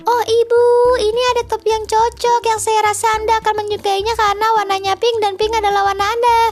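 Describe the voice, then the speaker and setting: Storybook chatterbox lady, played by a female reader: very high, chirpy, rapid, nonstop eager rambling. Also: level tone, over loud music. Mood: eager, gushing. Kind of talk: children's storybook character voice.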